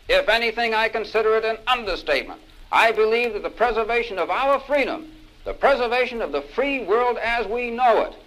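A man's voice: high voice, fairly bright tone, poor audio. A man giving an impassioned political lecture, stressing his points by repeating key phrases, heard from an old vinyl record. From United States.

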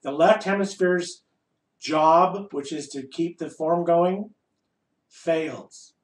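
Speaking to a group in a reverberant room, this spiritual teacher has a fairly high male voice and a wry, playful, emphatic delivery, asking rhetorical questions and answering them. His informal discourse comes in short phrases split by deliberate pauses, and he sits a little away from the microphone.

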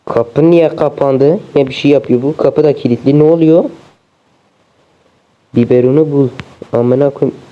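A man's voice: mid-range voice, fairly even intonation, moderate pace. A young man commentating a game as he plays, swearing constantly and sounding exasperated. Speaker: gameplay streamer. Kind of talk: let's play commentary. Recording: dull lo-fi sound.

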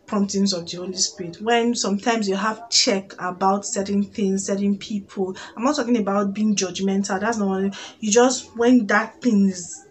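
A Nigerian woman in her thirties, a vlogger, chats casually to camera in an expressive, exclamatory storytelling style. She speaks at medium pitch and moderate pace, recorded on a phone in a small room at home.

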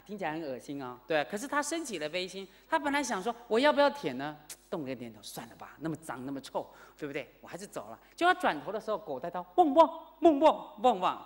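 Animated nun telling a Buddhist tale. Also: female voice, low-pitched, brisk. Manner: animated, asks the class questions. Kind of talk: storytelling sermon lecture. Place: Buddhist centre lecture hall.

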